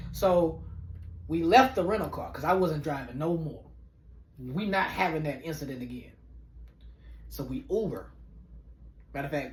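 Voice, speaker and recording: A man in his late twenties hosting a podcast, telling a profane storytime and acting out every character. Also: fairly high pitch. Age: late 20s. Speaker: podcast host. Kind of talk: storytime monologue. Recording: roomy echo.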